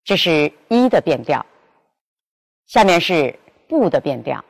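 Woman, pronunciation teacher, slightly low voice, slow deliberate delivery. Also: sing-song, gravelly. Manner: slow, careful, deliberate enunciation of examples. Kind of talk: instructional lesson with spoken examples.

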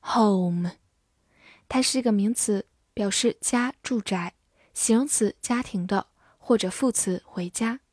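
A woman teaching English vocabulary in a scripted lesson, spelling words letter by letter and repeating them slowly. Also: medium pitch, a little mellow, dry recording, clean studio sound.

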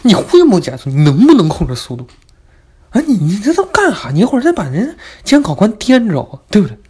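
A man's voice: sits high, huge pitch swings, fairly quick, dark tone, husky, pitched above the performer's own voice, heavily acted. A man imitating a harsh, impatient male driving instructor who nags with scolding questions.

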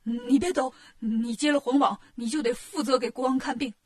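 A woman's voice: sits high, steady tone, moderate pace, slightly rough. A woman voicing anxious male palace soldiers in a storybook tale, urgent and pleading.

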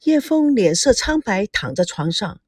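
A woman hosting and narrating a radio serial in an animated storytelling voice. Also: medium pitch, normal speed, music in the background. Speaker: radio drama host and narrator.

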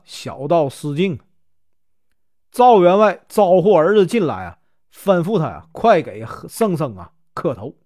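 A man with a Northeastern Mandarin accent narrating a traditional tale, chatty with filler particles between phrases. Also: high-pitched. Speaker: storyteller.

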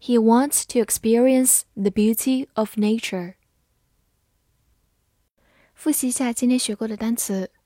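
Woman teacher, slightly high voice, slow spelled-out vocabulary lesson. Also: dark tone, no room sound. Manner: slow, spells words letter by letter.

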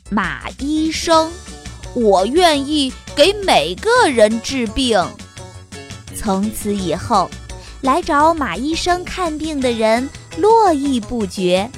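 A woman narrating a children's story in a slow, sing-song, expressive way. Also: sits high.

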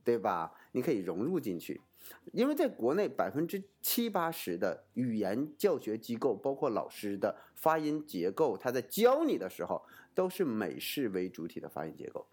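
Animated man with a swooping voice. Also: medium pitch, moderate pace, husky. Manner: rhetorical questions, frequent fillers and restarts. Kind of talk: casual explanatory talk.

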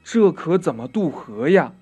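A man voicing a gentle, timid monk who speaks softly and anxiously in a children's story. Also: fairly high pitch, sing-song, measured pace, slightly rough, highs cut off, faint music behind, full character voice. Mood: worried. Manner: soft, worried.

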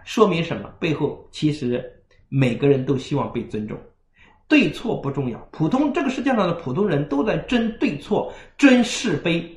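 A man giving a parenting lecture on a livestream, often checking in with his listeners with "right?". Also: fairly high pitch. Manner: animated, keeps asking the audience "right?". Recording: roomy echo.

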